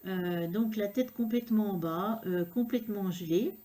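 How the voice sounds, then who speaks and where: A woman reading tarot cards to the viewer, talking unhurriedly and filling pauses with hein and euh. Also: medium pitch, mellow. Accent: regional accent, unnamed. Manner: unhurried, filler-heavy talk with frequent "hein" and "euh". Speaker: tarot card reader.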